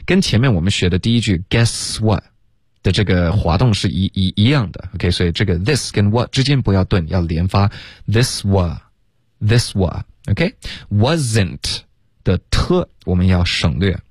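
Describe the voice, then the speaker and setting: Brief: male radio tutor, deep voice, dry studio sound, slow drilled phrases with frequent OKs. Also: dry recording. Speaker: English pronunciation teacher. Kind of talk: radio English lesson, mixing Chinese and English.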